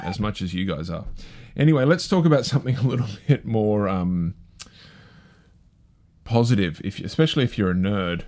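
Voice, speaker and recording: Male live-show host, slightly low, rambling and casual. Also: a little mellow. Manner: rambling, chatty, self-deprecating.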